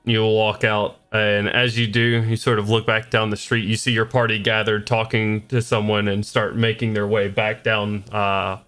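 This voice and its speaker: A man with a fairly low voice runs a tabletop game. He improvises the narration haltingly, searching for words, over soft music. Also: little pitch movement. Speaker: game master.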